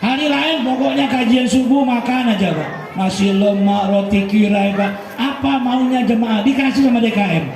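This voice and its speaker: Very high-voiced joking male preacher. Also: steady tone, normal speed, hardly any pauses, darkish tone, a little hiss or hum. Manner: joking, calls out to listeners constantly. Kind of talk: humorous sermon with crowd banter. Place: mosque celebration with congregation. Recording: echoey mosque hall, crowd murmur.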